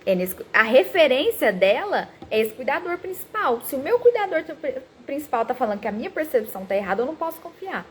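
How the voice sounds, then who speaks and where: A woman psychologist in her thirties giving a talk on parenting, animated and acting out quoted parents and children. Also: high voice, a little fast, a little hiss or hum.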